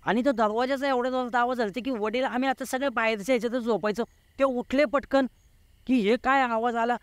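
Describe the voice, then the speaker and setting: A man's voice: extremely high pitch, steady tone, brisk, smooth, no echo. A man in his forties, a guest telling a true story in an interview, vivid and repeating words for effect.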